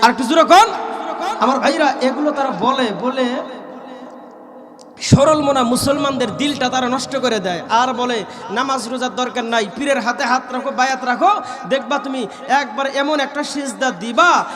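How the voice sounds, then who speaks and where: A man from Bangladesh with a Gaibandha Bengali accent, preaching a waz sermon that he shouts and breaks into slow chanted verses, calling on the crowd to repeat after him. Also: very high-pitched, echoey room, long reverb tail. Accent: Gaibandha region Bengali. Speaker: Islamic preacher.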